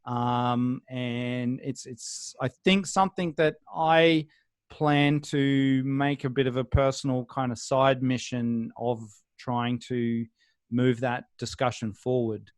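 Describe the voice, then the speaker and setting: An Australian man, a guest on a video call interview, talking in a relaxed, rambling way with many pauses and restarts. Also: mid-range voice, smooth, no room sound.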